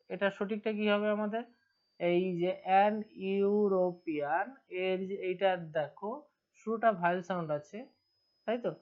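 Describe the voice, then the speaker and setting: Bengali woman teaching English grammar. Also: medium pitch. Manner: asks students questions and answers them herself. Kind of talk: online grammar lesson. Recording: dull lo-fi recording.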